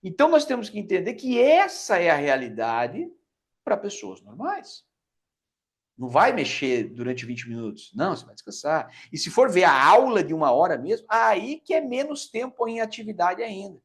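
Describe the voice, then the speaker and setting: A man's voice: high-pitched, big pitch swings, normal speed. A man with a Brazilian Portuguese accent giving an emphatic, conversational fitness lesson, often checking in with his listeners. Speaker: fitness teacher. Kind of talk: explanatory lecture.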